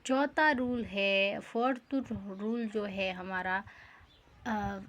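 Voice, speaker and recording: A woman's voice: medium pitch, very slow, a bit bright. A woman teaching English pronunciation rules, repeating each rule and asking the class questions.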